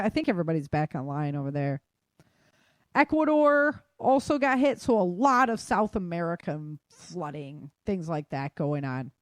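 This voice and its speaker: Her voice on the low side and the recording dry, a woman hosts a podcast, chatting colloquially through a casual roundup of weather and disasters around the world.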